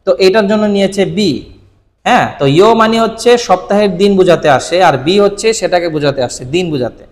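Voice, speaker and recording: A Bengali-speaking man gives a relaxed Japanese lesson, quizzing the viewer and answering his own questions. His voice sits a bit high for a man. A long reverb trails his words. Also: fast talker. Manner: asks questions then answers them himself; frequent "thik ache?" check-ins to the viewer. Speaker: Japanese language teacher. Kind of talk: casual explanatory lesson.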